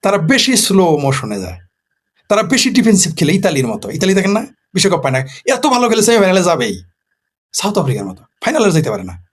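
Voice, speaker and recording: A man's voice: sits high, huge pitch swings, fast. A man from Bangladesh, a political commentator in a casual late-night monologue who poses rhetorical questions and answers them himself.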